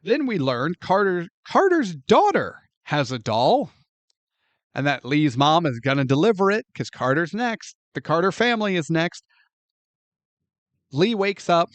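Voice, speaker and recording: A man co-hosting a podcast, recapping a film plot in an animated, profane, incredulous way. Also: on the high side, measured pace, no echo. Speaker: podcast co-host. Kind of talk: casual movie review chat.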